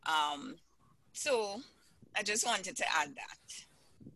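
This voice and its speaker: A panelist on a video call, speaking slowly and haltingly and repeating words. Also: medium pitch, expressive, gravelly, bright, forceful tone, low-quality recording. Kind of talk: casual panel discussion.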